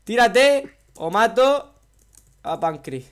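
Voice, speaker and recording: Young adult male gamer, high pitch, hyper and loud, teasing rivals. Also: slow, clean tone. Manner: excitable, yelling and taunting other players. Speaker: gaming YouTuber. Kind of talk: gameplay commentary with a friend.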